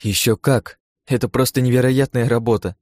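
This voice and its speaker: A man's voice: medium pitch, steady tone, normal speed, darkish tone, no echo, studio quality, pitched above the performer's own voice, lightly acted. A man voicing an eager, proud young swordswoman who speaks with delight and a huffy edge in an audiobook. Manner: enthusiastic, huffy. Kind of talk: audiobook character voice.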